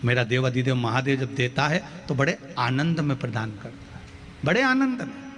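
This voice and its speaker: Bright-voiced male storyteller preaching. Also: medium pitch, normal speed, a little hiss or hum. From India. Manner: folksy, acts out characters' voices in the story. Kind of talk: devotional story sermon. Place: large outdoor pilgrimage tent.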